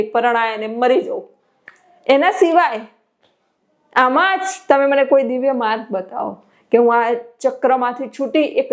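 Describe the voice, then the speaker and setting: A woman's voice: a little high, darkish tone, lightly acted. A woman voicing a wealthy male merchant who pleads and laments in long lists, in a spoken sermon parable.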